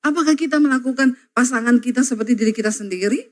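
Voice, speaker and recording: A middle-aged woman pastor delivering a sermon in a high, bright voice. She tells homely stories and acts out the quarrels in them. She speaks straight to the mothers and fathers in the congregation. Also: fast. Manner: lively storytelling, acts out everyday quarrels in quoted voices.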